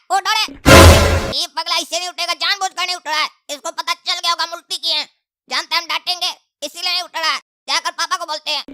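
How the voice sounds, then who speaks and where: A woman voicing a cheeky, mouthy young boy in a cartoon, talking in sarcastic rambles with frequent shouts and laughs. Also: very high voice, slight background noise, exaggerated voice. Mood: disgusted.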